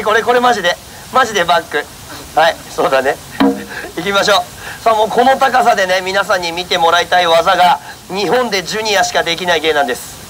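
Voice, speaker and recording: A man performing a street monkey show, jokingly scolding and coaxing his monkey while politely talking to the audience. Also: high-pitched. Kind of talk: live street show banter with a crowd. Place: outdoor autumn festival. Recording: noisy outdoor festival ambience.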